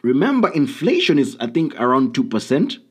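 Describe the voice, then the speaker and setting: A man's voice: medium pitch, huge pitch swings, a little fast, breathy edge. Man, podcast host, casual monologue, blunt, emphatic, filler-heavy, mid-range voice. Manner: blunt, emphatic, with frequent ums and uhs.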